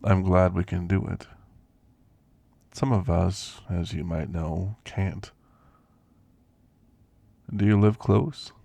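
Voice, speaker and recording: In an ASMR roleplay, a man fully voices a kindly, frail old grandpa werewolf, gravelly and creaky, low and steady, gentle and friendly as he teases in an unhurried, folksy, chatty monologue. The sound is intimate, super close and dry with no echo.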